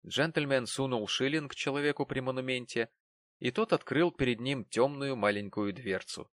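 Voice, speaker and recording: A man narrating an audiobook of a classic novel in a measured storytelling way. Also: mid-range voice, fairly bright tone. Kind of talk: scripted narration.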